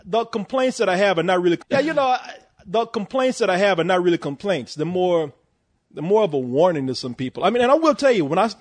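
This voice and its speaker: A man with a somewhat high, husky voice reviews a film in loose, profane chat. He jokes a lot and trips over restarts as he talks. The recording is close and dry. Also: fast talker, no echo. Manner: profane, jokey, animated, many restarts. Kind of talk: casual chat.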